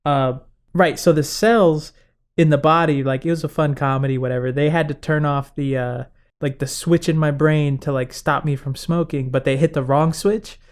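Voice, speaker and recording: Young guy podcasting, rambly story, laughs a lot, voice kinda highish. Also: steady tone, moderate pace, clean tone. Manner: rambling, laughs often, heavy filler "like". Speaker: podcast host. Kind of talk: casual storytelling.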